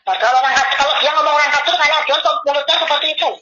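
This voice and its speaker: A supportive woman in casual chat, agreeing often in a high voice. The recording is dull and lo-fi, with loud noise behind her. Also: fairly even intonation, racing.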